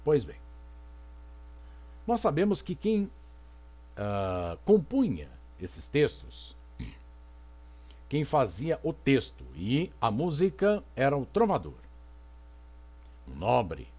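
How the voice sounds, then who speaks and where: A man's voice: mid-range voice, wildly swooping pitch, a little mellow. A male literature teacher giving a recorded lecture, reading poems aloud and posing rhetorical questions that he then answers. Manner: didactic, asks rhetorical questions and answers them; reads poetry aloud slowly.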